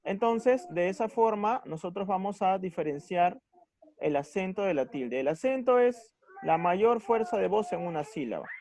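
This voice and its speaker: A man teaching a recorded grammar lesson, patient, slowly stressing syllables and checking in with his students after each point. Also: high voice, lively intonation, darkish tone, no echo.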